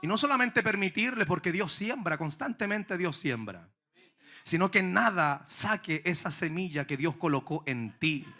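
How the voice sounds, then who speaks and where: A man's voice: high-pitched, lively intonation, moderate pace, pushed and bright. A man pastor preaching a sermon to his congregation, fervent and emphatic.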